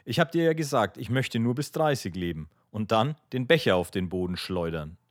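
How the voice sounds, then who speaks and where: A brooding young intellectual with a low voice and an ironic, musing manner, read by a man. He sounds wry and detached rather than heated. The sound is dry and close-miked. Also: expressive, normal speed, dry recording, close to an everyday voice. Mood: sardonic.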